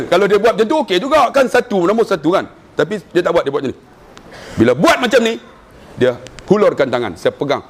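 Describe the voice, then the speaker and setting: High-voiced Malaysian preacher telling stories. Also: male voice, fairly quick, slight background noise. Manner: animated storytelling with jokes and chanted recitation. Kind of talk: humorous religious lecture.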